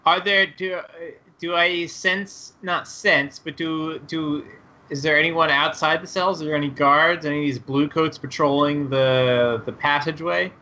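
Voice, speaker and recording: A man with a fairly high, bright, forceful voice makes wisecracks while playing a tabletop game. The audio is slightly dull and lo-fi. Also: steady tone, a little slow. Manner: playful, wisecracking. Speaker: player. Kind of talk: casual tabletop game chat.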